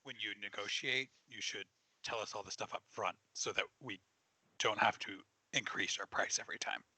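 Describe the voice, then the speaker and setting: A male player in a tabletop game who bargains wryly. His voice is low but bright. The sound is dry and close. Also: normal speed, breathy edge, no room sound, rough recording. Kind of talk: casual tabletop chat.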